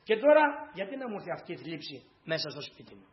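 Brief: bereaved mother crying out in reproach, put on by a male preacher, high and intense, dull recording. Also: big pitch swings, echoey room. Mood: anguished, reproachful. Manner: anguished, reproachful questioning. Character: grieving bereaved mother pleading with God.

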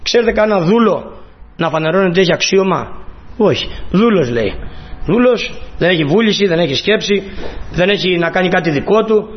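A man preaching a sermon to his congregation as a Pentecostal preacher, earnest, pushing his voice up to stress points and then dropping low and slow. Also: animated, muffled recording, a little hiss or hum.

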